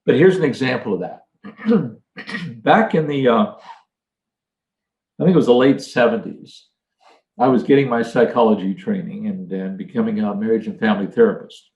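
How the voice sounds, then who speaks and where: A man's voice: lowish voice, moderate pace, long pauses, darkish tone, reverberant, muffled recording. An older man giving an earnest leadership talk, telling stories and acting out quotes. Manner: earnest, storytelling with acted quotes. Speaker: leadership trainer. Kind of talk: motivational talk.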